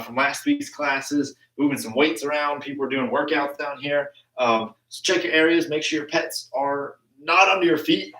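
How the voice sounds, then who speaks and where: Streaming a martial arts lesson from his basement at home, a young man chats casually, filling his speech with ums. His voice is a little high and a bit bright, recorded in an echoey room at a distance from the mic.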